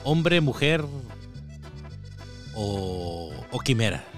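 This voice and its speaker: A man's voice: lowish voice, sing-song, extremely slow, over music. A man in his thirties with a Mexican accent, co-hosting a joking casual chat in a mock-formal, teasing manner. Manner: mock-formal, teasing, keeps calling others "señor". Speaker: podcast co-host.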